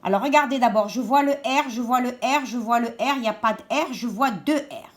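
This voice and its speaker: A woman teaching young children, saying each word slowly and twice while giving step-by-step instructions. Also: a little high. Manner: slow, deliberate, repeats each word twice and stresses sounds. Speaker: schoolteacher. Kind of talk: remote lesson for young children.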